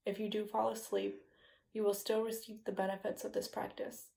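A woman guiding a yoga nidra meditation in a slow, soothing, hypnotist-like manner with soft phrase endings. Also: mid-range voice, level tone, gravelly. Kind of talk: guided meditation, scripted relaxation narration.

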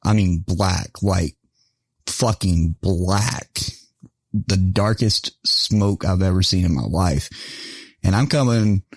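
A man with a low voice hosts a casual podcast, swearing freely and laughing as he tells service stories. The sound is dry and close, with no room in it. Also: takes it slowly, no room sound. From rural area. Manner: profane, laughing, storytelling. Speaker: podcast host.

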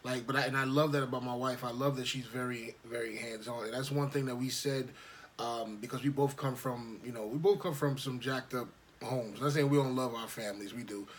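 A man's voice: medium pitch, steady tone, fairly quick. A man in his thirties, a podcast co-host talking in a laid-back, earnest way with some slang. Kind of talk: casual chat.

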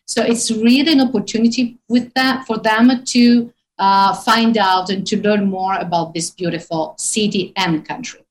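A woman in her fifties with an Italian accent talks through an interview, stopping often on "uh" and "um" as she searches for English words. Her voice sits at an ordinary middle pitch, and her delivery is easygoing. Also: steady tone, moderate pace, hardly any pauses, low-quality recording. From northern Italy. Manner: hesitant, many fillers. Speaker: tour guide guest. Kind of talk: interview on a call.

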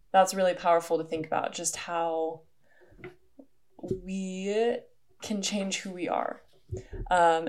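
A woman's voice: medium pitch, a little mellow. Earnest young woman hosting a podcast. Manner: casual and earnest, many "like" fillers. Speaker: podcast host. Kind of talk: solo podcast monologue.

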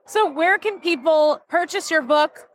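A woman interviewing a guest at a toy show, chatty and animated, telling stories. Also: very high voice, unhurried, a little hiss or hum. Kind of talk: casual interview chat. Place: event floor at a toy show.

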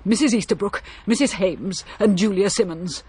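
Blunt, distraught countrywoman, husky voice, radio drama. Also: mid-range voice, normal speed, darkish tone. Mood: urgent. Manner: brusque, distraught.

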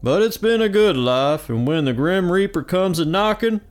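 A man's voice: sits high, animated, normal speed, faint music behind, pitched above the performer's own voice. A man voicing a frail, cheerful old man who talks in a folksy drawl.

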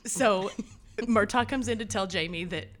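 A woman's voice: medium pitch, normal speed. Chatty swearing woman podcast host. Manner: chatty, swearing, laughing often. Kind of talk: casual recap chat.

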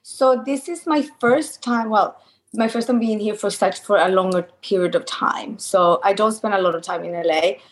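A friendly woman with a hard-to-place accent that blends Swedish and British sounds. Her voice is slightly rough this morning, and she laughs easily as she chats. She comes through a video call. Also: mid-range voice, moderate pace. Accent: mixed Swedish and British. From Sweden. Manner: laughs often, friendly and chatty. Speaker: podcast guest. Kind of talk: casual interview chat. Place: home in a sunny residential area.

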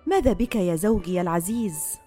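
A woman voicing a gentle enchanted young wife with earnest expression in fireside folk tale storytelling. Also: on the low side, expressive, a little fast, soft background music, close to an everyday voice. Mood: reassuring.

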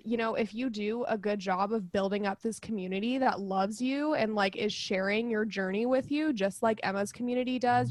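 Giggly young woman podcasting, chatty and excited, dry sound. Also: medium pitch, dry recording. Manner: bubbly, giggly, lots of fillers. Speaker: podcast co-host. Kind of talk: casual podcast chat.

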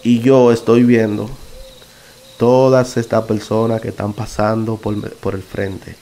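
A man telling his own experience in a casual, halting way, often stopping to correct himself. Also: lowish voice, level tone, dark tone. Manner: halting, self-correcting, conversational. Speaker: podcast narrator. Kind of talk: casual first-person storytelling.

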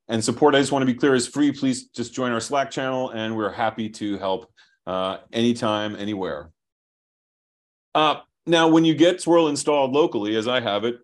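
Man explaining software over a video call. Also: medium pitch. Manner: brisk, thinks aloud with restarts. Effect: heard over a video call. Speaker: software company founder as guest. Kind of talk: explaining software while sharing screen.

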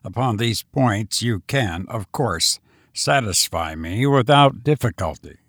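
A man's voice: on the low side, animated, slow pace, fairly bright tone, no echo, exaggerated voice. A man voicing a polite, cautious older male painter who speaks formally and carefully, recorded close and dry.

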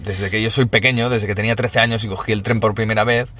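A man's voice: on the low side, steady tone, quick pace, bright, forceful tone, slight background noise. A young man, chatting casually and rambling on his show, dropping slang throughout. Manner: rambling, slangy, says "tío" constantly. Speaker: podcast co-host. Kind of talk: casual chat.

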